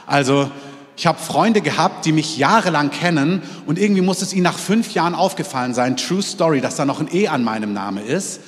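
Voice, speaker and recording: A man preaching a sermon to his congregation, lively, moving between loud exclamations and quiet, intimate asides. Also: fairly high pitch, brisk, in a large hall. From half French, in Germany. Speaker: pastor. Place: church hall.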